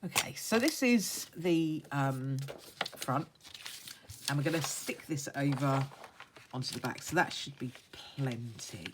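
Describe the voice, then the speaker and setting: A craft vlogger with a low, croaky, hoarse voice, still recovering from it, chats casually through a tutorial as she demonstrates techniques. She speaks unhurriedly and steadily, talking along while working with her hands, over a noisy background.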